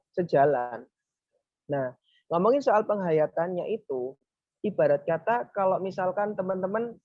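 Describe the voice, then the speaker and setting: A religious speaker, giving a casual Friday talk and explaining step by step in a relaxed way. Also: mid-range voice, dry recording. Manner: relaxed, explaining step by step, often saying "nah, itu gitu"; talks to a helper advancing slides. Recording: dull, lo-fi, dry.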